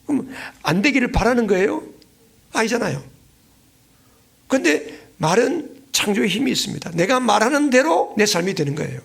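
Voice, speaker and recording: A man preaching from the pulpit in a high, gravelly voice. He presses his points by repeating phrases and keeps throwing questions to his congregation. Earnest and direct throughout. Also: very animated, normal speed, a bit bright. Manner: keeps asking the congregation questions and prompting replies. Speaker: pastor. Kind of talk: sermon.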